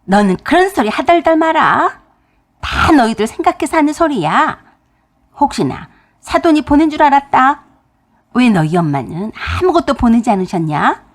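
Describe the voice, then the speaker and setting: Woman doing a stingy, nagging mother-in-law for radio drama; loud, animated, sharp. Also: mid-range voice, unhurried, breathy edge, exaggerated voice. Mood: shrill scolding. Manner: scolding, sharp-tongued, shouting.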